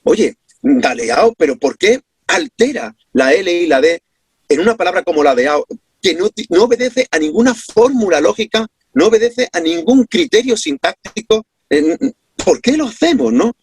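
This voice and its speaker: Lively husky man with Andalusian accent. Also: sits high, moderate pace, no echo. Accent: Andalusian (Córdoba). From Córdoba, Andalusia, Spain. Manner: emphatic, rhetorical questions, lecturing. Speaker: interview guest, researcher. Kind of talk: explanatory interview talk. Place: his home.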